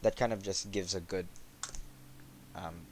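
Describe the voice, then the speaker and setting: A man with a lowish, monotone voice talks casually about his game project. He stops and restarts often and leans on fillers as he thinks aloud. Faint room ambience sits under the recording. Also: a little hiss or hum. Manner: monotone, halting, many fillers. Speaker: game developer and host. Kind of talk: casual chat.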